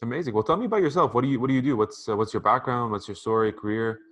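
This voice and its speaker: The recording sounds muffled as this interview guest, a man in his thirties, races through casual advice on a video call using headphones. Seated in an apartment room by a window, he speaks at a medium pitch with a slightly bright tone, conversational and prone to repeating words.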